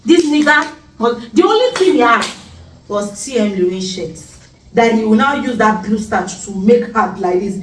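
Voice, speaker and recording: A woman's voice: on the high side, moderate pace, far from the mic. A young Nigerian woman with a Nigerian accent, telling a dramatic, teasing story in casual chat. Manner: animated, dramatic, teasing, pidgin-laced. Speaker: vlogger. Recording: echoey room, off-mic, faint hum.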